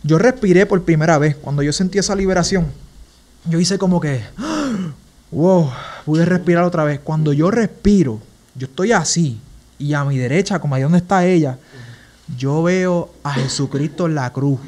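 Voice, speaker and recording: Earnest Puerto Rican man, slightly high voice. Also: moderate pace, a little mellow. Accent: Puerto Rican Spanish. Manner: earnest, emotional storytelling. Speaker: podcast guest. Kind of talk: personal testimony in a casual interview.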